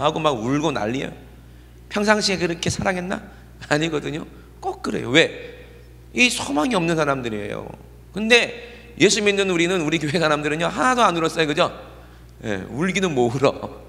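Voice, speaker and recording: A middle-aged pastor delivers a conversational sermon, frequently checking in with the congregation. His voice is fairly high, creaky, and a little bright, and the church sanctuary adds a long reverb.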